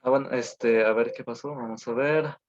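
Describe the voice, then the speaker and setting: Guy teacher dictating notes on a video call, slow, lots of "este" type fillers, muffled lo-fi audio. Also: medium pitch, steady tone. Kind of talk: online class lecture, dictating notes. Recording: dull lo-fi online call audio.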